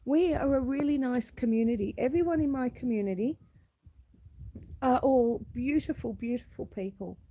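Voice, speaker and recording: A middle-aged Australian woman casually greets live stream viewers from her homestead, recording outside on her phone camera in a low-quality recording. Husky and hoarse from a cold, her mellow voice sits high and moves at a moderate pace.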